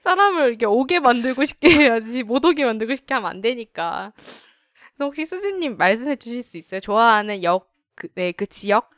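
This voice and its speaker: A woman's voice: fairly high pitch, expressive, fairly quick, a bit bright, dry recording, clean studio sound. A woman from South Korea hosting a casual group discussion, self-deprecating and sometimes searching for words. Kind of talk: casual panel chat.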